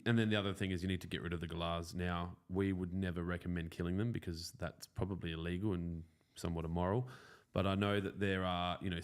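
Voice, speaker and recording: A man's voice: sits low, clean tone. A man with a broad Australian accent and a blokey, sweary, joking manner, hosting a casual live chat. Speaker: host of a lawn care show. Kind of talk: casual live chat answering viewer questions.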